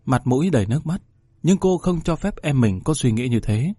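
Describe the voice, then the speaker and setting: A man narrating a dramatic story in a steady, measured reading. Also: medium pitch, slightly rough, dry recording, studio quality.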